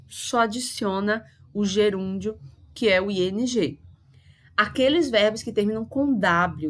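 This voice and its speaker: Patient woman teaching a grammar lesson. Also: mid-range voice. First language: Portuguese. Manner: patient, repeats and spells out points. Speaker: English teacher.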